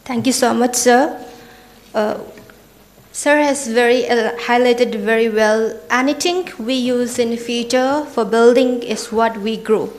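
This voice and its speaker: Woman, fairly high voice, formal event host, polite, deferential. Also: measured pace. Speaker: seminar host introducing speakers.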